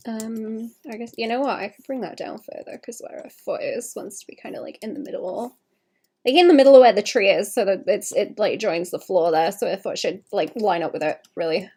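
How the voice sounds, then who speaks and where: Husky and gravelly from a cough she keeps holding back, a young woman streaming a digital art commission talks fairly quickly in a mid-range voice. Her sketching commentary is easygoing and rambling, full of self-corrections, "like"s and soft laughter.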